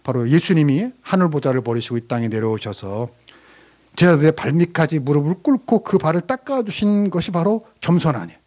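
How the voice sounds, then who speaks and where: Lively male pastor preaching. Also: a little high. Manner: animated, quizzing the congregation and answering himself. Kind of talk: sermon.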